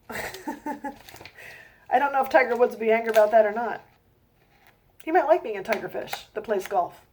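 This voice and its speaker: A woman author reads her own children's book aloud in a gentle, sing-song way, her voice on the high side. She breaks off now and then for chatty asides to her young listeners.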